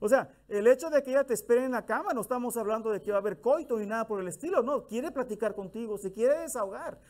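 A man's voice: very high voice, fast, a little mellow. A middle-aged male minister, giving a folksy, conversational sermon with acted-out bits of dialogue.

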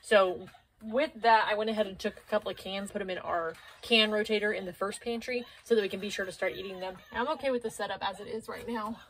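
A prepper vlogger in her thirties organizes her small shelved home pantry, thinking aloud in a casual, practical way. A camera on a low shelf a few feet away records her fast, steady, slightly bright medium-pitched voice, with slight background noise.

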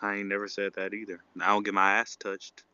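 Blunt guy on a stream call, bright crisp voice, kinda defensive, dull dry audio. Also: fairly low pitch, completely flat delivery, a little fast, no echo. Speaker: livestream guest. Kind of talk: casual crude chat.

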